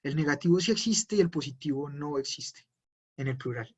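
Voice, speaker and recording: A man's voice: on the high side, animated, normal speed, slightly rough. A man teaching German in a live online class, explaining patiently and answering viewers' questions. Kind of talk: live online language lesson.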